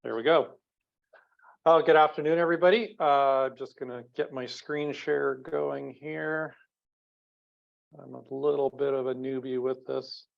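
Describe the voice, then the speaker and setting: A man's voice: medium pitch, fairly even intonation, creaky. Man in a dull, screen-recorded webinar call. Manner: halting, many "uh" and "um" fillers. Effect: screen-recorded webinar audio over a video call. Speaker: webinar presenter. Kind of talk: webinar product presentation. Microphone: computer mic on a video call. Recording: dull lo-fi video call audio.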